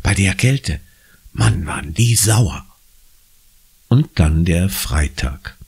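A deep, husky man reads a children's audiobook, expressive and unhurried. His pitch swings widely as he tells the story. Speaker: audiobook reader.

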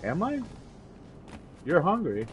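A man's voice: a little high, wildly swooping pitch, takes it slowly. A man giving casual, rambling gameplay commentary, often muttering to himself. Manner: rambling, muttering to himself, acting out little exchanges. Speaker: gamer playing and commenting. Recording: dull lo-fi mic, clear background noise.

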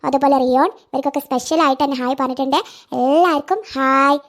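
Lady channel host reading out shout-outs, high chatty voice. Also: fairly even intonation, fast talker. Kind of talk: casual outro with shout-outs.

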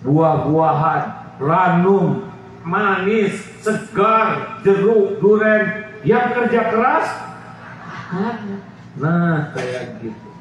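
A middle-aged man giving a lively, joking sermon on an outdoor stage, speaking into a handheld microphone and often asking the crowd questions. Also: sits high, drawn-out words, slight background noise. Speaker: preacher. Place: outdoor stage under a tent. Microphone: handheld mic, far camera. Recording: roomy, distant, dull PA sound.

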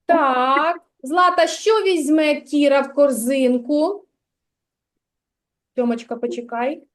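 High, slow-spoken kindergarten teacher. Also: female voice. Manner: patient, drawn-out praise and prompting questions. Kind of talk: literacy lesson for young children.

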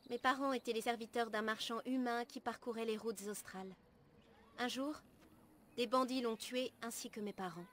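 Woman acting earnest high-voiced young elf apprentice. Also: fairly even intonation, slight background noise, lightly acted. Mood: grave, reflective. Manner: formal, measured, literary diction. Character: earnest, gentle young female elf apprentice, grave and curious. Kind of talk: video game dialogue acting. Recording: music behind the voice.

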